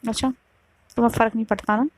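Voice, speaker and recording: A woman's voice: a little high, steady tone, quick pace, lightly acted. A woman voicing a possessive, volatile young woman who insists on answers in a storytime love drama. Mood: furious.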